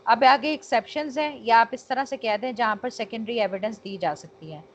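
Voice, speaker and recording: Through dull, noisy online call audio, a woman lectures on law in a Pakistani accent, her voice a little high and moderately paced. She sprinkles English terms into explanations and often uses tag phrases to make sure students are keeping up.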